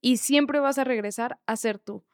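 A woman from Mexico with a Mexican accent talks in a high, bright register as a podcast co-host. She reflects aloud in chatty sentences peppered with tag questions. Her voice is captured dry and close to the mic. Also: normal speed, dry recording. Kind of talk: casual chat.

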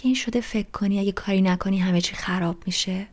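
A woman voicing a restless teenage boy who rants loudly about everything in an audiobook reading. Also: mid-range voice, lightly acted. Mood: exasperated. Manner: loud, rushed, ranting complaints.

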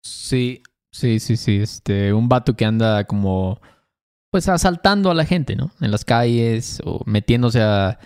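A man's voice: mid-range voice, animated, measured pace, a little mellow, smooth. A man from Veracruz with a Veracruz Mexican accent, co-hosting a podcast and casually explaining local slang, adding English glosses and frequent tag questions. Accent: Veracruz Mexican Spanish. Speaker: podcast co-host. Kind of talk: casual conversational language lesson.

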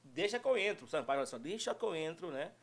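A middle-aged man telling stories in casual chat, animated and laughing often. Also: on the high side, racing. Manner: animated storytelling with frequent laughter. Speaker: guest storyteller.

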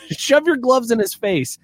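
A man's voice: very high-pitched, sing-song, takes it slowly, no room sound, studio quality. A man hosting a casual sports podcast, joking and laughing often as he leads the topics. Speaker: podcast host.

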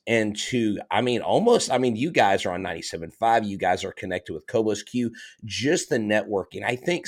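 A man with a fairly low voice hosts a relaxed sports podcast chat. He talks with eager enthusiasm, winding through long sentences full of fillers and restarts. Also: husky. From Florida. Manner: enthusiastic, rambling, frequent fillers. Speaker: podcast host. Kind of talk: casual podcast interview.

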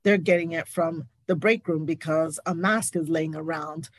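A woman appears as a nurse guest in a candid interview, emphatic and indignant, repeating points for emphasis. Her voice is low with fairly even intonation at a normal speed, and there's no room sound. She is recovering from covid and sounds stuffy.

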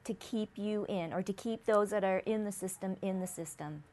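A woman hosting a talk show, interviewing conversationally in an affirming, halting way and restating phrases for emphasis. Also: mid-range voice, a little mellow.

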